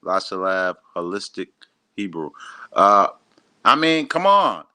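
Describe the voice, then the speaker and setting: A man hosting a casual livestream, talking in an animated, emphatic way, repeating words and reading out viewer comments. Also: deep voice, slow, no echo. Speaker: livestream host.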